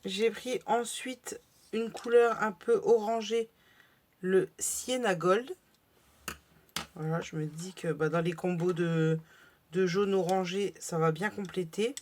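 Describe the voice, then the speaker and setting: A woman's voice: mid-range voice, slow pace, a little mellow. A French-speaking woman vlogging casually about her craft purchases, chatty and hesitant, with frequent fillers and restarts. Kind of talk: casual haul video.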